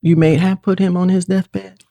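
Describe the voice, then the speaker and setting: A woman's voice: lowish voice, little pitch movement, normal speed, dark tone. A woman hosting a faith podcast interview, who sounds playful and affirming and backs her guest with frequent mm-hmms. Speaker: podcast host. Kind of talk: interview about faith and marriage.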